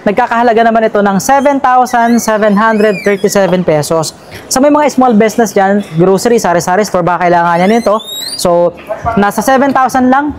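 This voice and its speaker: A woman's voice: medium pitch, brisk. A woman with a Filipino accent, recording a casual walkthrough vlog. She talks in a chatty, upbeat way and reads out price after price. She leans on fillers and tag questions. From Philippines. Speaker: vlogger touring a store sale. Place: large indoor furniture store sale.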